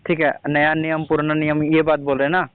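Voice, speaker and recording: On a muffled, noisy phone call, a man argues insistently, pressing his point with repeated questions. His voice is on the high side, clear and resonant, delivered briskly in a monotone.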